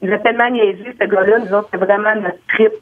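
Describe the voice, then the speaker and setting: A woman caller with a Quebec French accent who talks fast and excitedly while telling a story on a call-in show. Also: medium pitch. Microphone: phone. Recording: tinny phone line.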